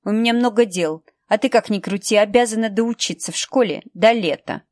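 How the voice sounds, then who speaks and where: A woman's voice: mid-range voice, brisk, a little mellow, no room sound, studio quality, lightly acted. A woman voicing a cold, sarcastic female assistant who speaks mockingly with steel in her tone.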